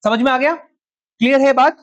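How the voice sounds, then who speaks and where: A man teaching a maths class, dictating slowly word by word and often checking whether the students follow. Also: extremely high pitch, fairly bright tone, dry recording, poor audio. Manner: slow dictation word by word, checks with frequent questions. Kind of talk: live class lecture.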